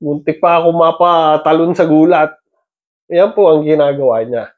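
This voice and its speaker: Middle-aged dad, playful teasing vlogger, slightly high voice, dull lo-fi sound. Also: male voice, moderate pace. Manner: teasing, playful, laughs often. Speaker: father and vlogger. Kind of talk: casual family vlog chat.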